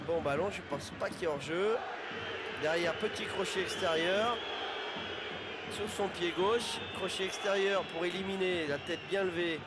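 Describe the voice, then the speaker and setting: Male sports analyst, raised high voice, conversational and emphatic with repeated phrases, heavy noise behind him. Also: moderate pace. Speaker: football co-commentator, analyst. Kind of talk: excited live analysis of replays. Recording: very loud stadium noise. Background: loud stadium noise.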